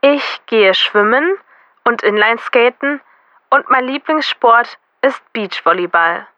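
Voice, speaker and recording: An actress playing a caller who phones in to a radio quiz, speaking slowly and clearly over the phone. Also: female voice, on the high side, expressive, pushed and bright, no echo. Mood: eager. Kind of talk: scripted language-learning radio dialogue. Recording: dull, dry phone line.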